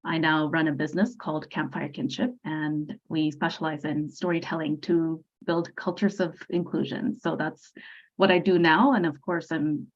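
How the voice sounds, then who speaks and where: A woman from India with a notably deep voice speaks fluently and graciously as a panelist. Her audio is dull and muffled, coming through a video call. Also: steady tone, normal speed. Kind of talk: casual talk show introduction.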